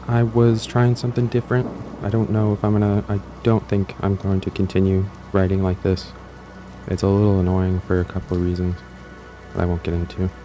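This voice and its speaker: A man with a lowish, mellow voice, who creates and hosts an audiobook channel, introduces his own audio story to viewers. He's casual and offhand, rambling, repeating himself, and trailing off.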